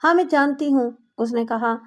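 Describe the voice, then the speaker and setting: Woman reading angry teen girl, shrill and accusing, high pitched, audiobook. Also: natural voice. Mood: defiant. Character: teenage girl, defiant then frightened.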